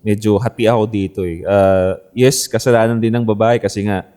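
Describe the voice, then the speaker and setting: A man's voice: lowish voice, fairly even intonation, moderate pace, dark tone. A man co-hosting a podcast, talking in a laid-back way and explaining at length. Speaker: podcast co-host. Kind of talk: casual chat.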